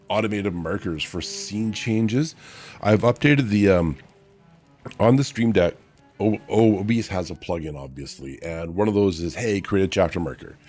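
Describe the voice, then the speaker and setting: Really deep voiced young guy streaming, kinda tired, rambles and restarts a lot, soft music in the back. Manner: rambling, self-correcting, chatty. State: tired, hiccuping. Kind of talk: casual stream chat.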